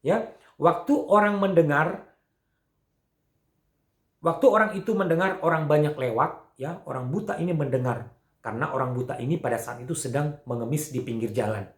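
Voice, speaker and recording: Animated male Sunday school teacher. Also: fairly high pitch, moderate pace. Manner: animated, with frequent "ya" fillers, acting out the quotes. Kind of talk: telling a Bible story to children. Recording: echoey room.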